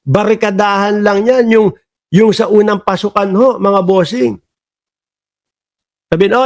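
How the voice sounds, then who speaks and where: High-pitched man ranting to his viewers. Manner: mocking, chatty, addresses viewers as bosses and countrymen. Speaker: political commentary vlogger. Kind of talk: casual political commentary.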